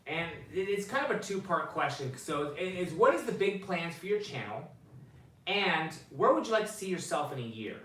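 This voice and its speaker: A man in his forties hosting a casual interview with guests, jovial and quick to laugh, sincere when he thanks them. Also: a little high, sing-song, bright, forceful tone, recorded from a distance. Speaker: channel host interviewing guests. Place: hotel room at a theme-park resort. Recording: echoey room, voice from off-mic, faint noise.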